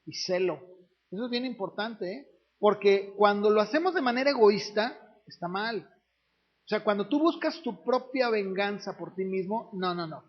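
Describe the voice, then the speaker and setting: A man's voice: high-pitched, husky. A man, a pastor preaching a sermon in a conversational way, often asking the congregation questions. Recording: dull lo-fi recording.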